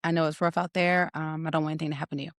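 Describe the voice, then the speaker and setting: Playful woman podcast host, low voice. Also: little pitch movement, rapid-fire, no echo, studio quality. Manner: playful, teasing, laughs often. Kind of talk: casual interview chat.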